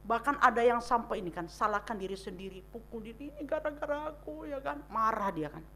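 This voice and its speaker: A woman pastor giving a seminar sermon on grief, dramatic, acting out scenes with sudden loud outbursts and soft whispers. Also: a little high, a little fast, a little hiss or hum.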